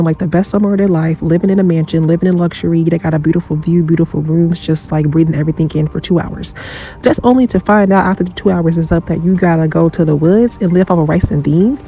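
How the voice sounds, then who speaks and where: A chatty reviewer, congested from a cold, rambles casually and conversationally through a review of a show, using plenty of filler words. The voice is mid-range and warm, and the audio is poor.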